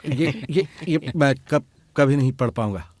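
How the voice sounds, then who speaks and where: A man's voice: medium pitch, unhurried, a little mellow, no echo, close to an everyday voice. An actor dubbing a shy young man who stammers heavily on first sounds, in a film dub. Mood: struggling.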